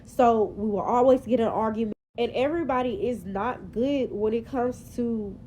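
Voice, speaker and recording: Chatty woman with a mellow voice. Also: fairly high pitch, moderate pace, slight background noise, poor audio. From Memphis, Tennessee, US. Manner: chatty, sassy, rambling with fillers. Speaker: vlogger. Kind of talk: casual confessional vlog. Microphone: phone camera.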